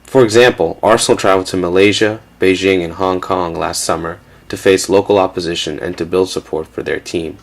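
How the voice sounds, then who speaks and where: A man giving a measured, factual scripted narration for a documentary. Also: low voice, fairly even intonation.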